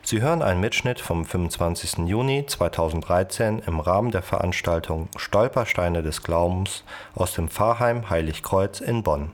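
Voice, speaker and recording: A man with a low, deep voice reads a podcast's introduction. His delivery is even and formal, like a scripted announcement. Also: normal speed, few pauses.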